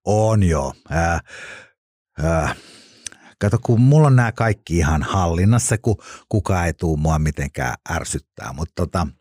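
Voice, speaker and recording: Blunt husky low-voiced middle-aged man. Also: lively intonation, darkish tone, no room sound, studio quality. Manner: blunt, colloquial, swears freely. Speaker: guest, former criminal and author. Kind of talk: casual interview storytelling.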